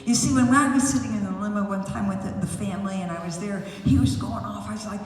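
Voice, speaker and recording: A woman speaking at an outdoor campaign rally who tells rambling personal stories and works up to loud, rousing calls. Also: medium pitch, quick pace. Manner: rambling storyteller who grows loud and rousing, leads chants. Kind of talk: personal anecdotes in a political rally speech. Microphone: public address system picked up from a distance. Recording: echoey, distant rally sound with crowd noise.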